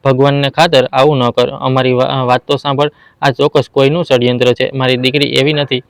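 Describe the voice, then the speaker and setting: A man voicing a desperate older mother who begs, crying, to protect her daughter, in a flat, smooth voice. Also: mid-range voice, fairly quick, no room sound, lightly acted. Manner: begging, tearful.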